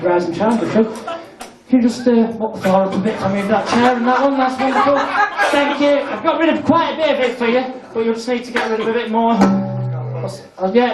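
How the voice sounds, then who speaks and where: A man with a British accent doing comedy stage hypnosis, giving commanding hypnotic instructions mixed with cheeky, blunt banter to the people on stage. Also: high voice. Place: live comedy show on stage. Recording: echoey room, distant mic, audience noise. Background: audience crowd.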